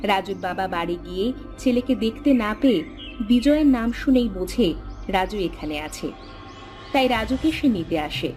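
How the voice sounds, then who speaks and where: A woman giving scripted storybook narration for a cartoon in a steady storytelling manner. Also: medium pitch, normal speed, faint music behind.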